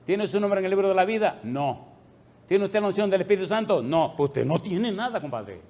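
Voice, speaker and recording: A middle-aged male pastor preaching a sermon, pressing the congregation with repeated questions and dropping to a soft low voice at the ends of phrases. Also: lively intonation, brisk.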